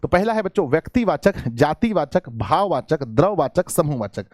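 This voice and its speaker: A man's voice: on the high side, very animated, normal speed, a little mellow, dry recording, clean studio sound. A man, teaching a grammar lesson to students. He calls them his children, asks questions and answers them himself, and repeats every point. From Bihar, India. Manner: repeats each point, with rising emphasis on examples.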